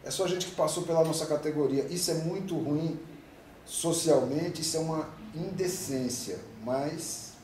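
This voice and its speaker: A man's voice: on the high side, moderate pace, a little mellow. A Brazilian man in his fifties, a union president answering interview questions at length, emphatic and rambling, full of rhetorical questions. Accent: Brazilian Portuguese. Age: 50s. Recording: echoey room, distant mic, faint noise.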